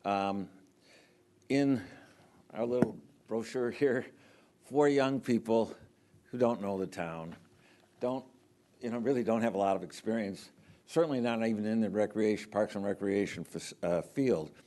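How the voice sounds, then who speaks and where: An older man with a lowish voice addresses a city council during public comment. He speaks without a script, pausing often with ums and restarting his sentences. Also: dark tone. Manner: halting, many ums and restarts. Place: city council meeting room.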